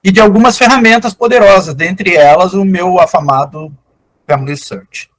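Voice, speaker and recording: A man's voice: sits high, normal speed, rough recording. An older man giving an online lecture as a guest genealogist, explaining in an enthusiastic, conversational way over a video call.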